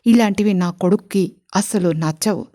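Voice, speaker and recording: A woman's voice: mid-range voice, moderate pace, warm tone, no echo, clean studio sound, lightly acted. Woman playing a domineering, scornful mother-in-law. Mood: scolding. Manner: scolding, contemptuous.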